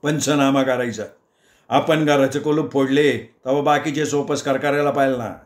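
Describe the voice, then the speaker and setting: A man's voice: medium pitch, fairly even intonation, normal speed, roomy sound, close to an everyday voice. A man doing a grave police inspector. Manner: grave, matter-of-fact. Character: serious male police inspector, officious.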